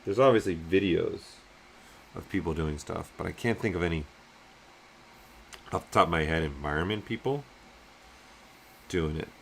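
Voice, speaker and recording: A man's voice: low voice, moderate pace, gravelly, long pauses, a bit bright, a little hiss or hum. A man streaming his 3D sculpting work, muttering half-finished thoughts aloud as he works and answers chat.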